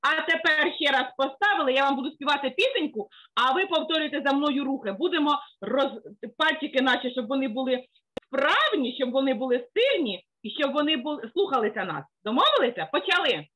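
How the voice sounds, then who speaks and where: A woman's voice: sits high, big pitch swings, fairly quick, bright, forceful tone, low-quality recording. A woman leading young children through a finger-exercise lesson over a video call, coaxing and sing-song, with constant praise. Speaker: children's teacher.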